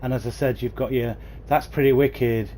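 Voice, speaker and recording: This is casual livestream commentary from a man at home on a console, streaming a bus game and enthusiastically chatting with viewers by name through a new gaming headset. He speaks at a moderate pace in a warm, mid-range voice of fairly even intonation, with slight hiss or hum.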